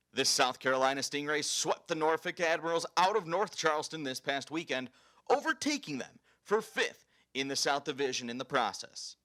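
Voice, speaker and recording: Male sports host, scripted highlight recaps, slightly high pitch, bright forceful delivery.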